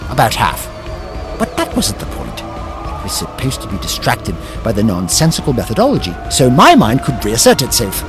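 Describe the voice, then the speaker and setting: A man playing a defiant, eccentric alien time traveller in a sci-fi audio drama, speaking in theatrical, expressive speeches. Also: mid-range voice, moderate pace. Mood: wry. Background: music.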